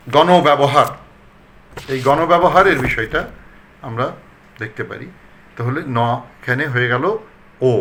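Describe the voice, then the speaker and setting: Male recitation coach from Bangladesh, slow, bright-toned, drills example words one by one. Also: mid-range voice. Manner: slow, deliberate, repeats words to demonstrate pronunciation. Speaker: recitation trainer. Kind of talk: pronunciation lesson.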